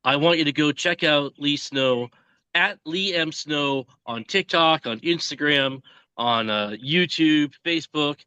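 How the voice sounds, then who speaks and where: A man's voice: fairly high pitch, measured pace, bright, forceful tone, clear, resonant tone, dry recording, dull audio. Joking male podcast host recorded outdoors. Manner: folksy, joking, with frequent restarts. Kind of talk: casual interview chat. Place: outdoors by a pond.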